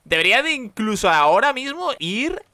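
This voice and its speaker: A young man with a Spain Spanish accent, chatting excitedly and joking while commenting on his gameplay. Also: very high-pitched, moderate pace, no echo. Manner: excitable, chatty, jokey, loud outbursts. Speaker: gaming youtuber.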